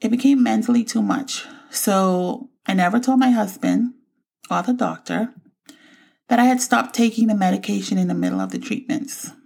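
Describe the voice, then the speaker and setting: A woman's voice: mid-range voice, expressive, normal speed, gravelly, a little mellow. A woman in her forties from the Bahamas, hosting her own show and telling her personal faith story in a reflective, heartfelt way. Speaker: podcast host.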